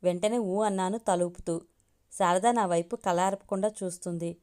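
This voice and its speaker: Smooth-voiced woman reading a story. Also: lowish voice, fairly even intonation, moderate pace, mellow. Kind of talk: reading a family story aloud.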